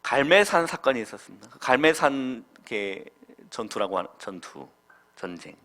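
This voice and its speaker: A man preaching a Sunday school sermon to children, quizzing them with questions and swinging from loud calls to soft murmurs. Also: mid-range voice, sing-song, normal speed. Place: church.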